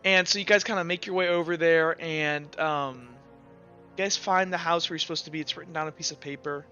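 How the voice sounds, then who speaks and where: Over background music on a dull lo-fi recording, a man improvises as game master of a tabletop roleplaying game. His voice is a little high with a sharp tone, and he speaks fairly quickly. He sounds casual and unsure, his loose narration peppered with "like" and "kinda."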